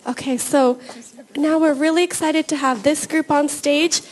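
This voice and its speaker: High voiced lady running the panel, super gracious and upbeat. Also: steady tone, measured pace. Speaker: moderator. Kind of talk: event moderating.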